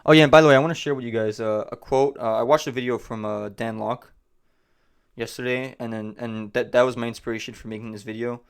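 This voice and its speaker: A man's voice: medium pitch, steady tone, fast talker, clear, resonant tone. A man hosting a business vlog, talking casually to camera and repeating himself as he rambles. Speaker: host of a business channel.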